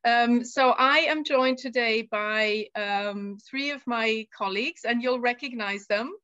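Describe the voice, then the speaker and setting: A woman's voice: on the high side, measured pace, bright, forceful tone, dry recording, highs cut off. A woman from Germany hosting a live video call as a tour guide, friendly and with frequent fillers. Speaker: UN tour guide, session host. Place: home room, indoors. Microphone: laptop video call.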